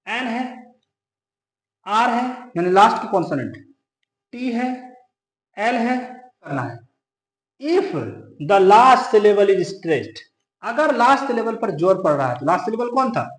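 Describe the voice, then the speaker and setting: A male teacher runs through a grammar lesson with a high, light voice, firing short questions and answering them himself. He slows down to repeat each rule word by word, and the sound rings around a roomy, echoey space. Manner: drills students with quick questions he answers himself; repeats key rules slowly for emphasis. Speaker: English teacher. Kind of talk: grammar lesson explained in Hindi.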